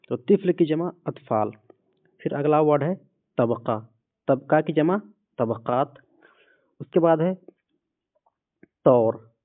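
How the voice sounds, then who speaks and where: A man patiently teaching a word list, saying each word and repeating it slowly. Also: on the high side. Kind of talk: vocabulary lesson. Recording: phone-like lo-fi audio.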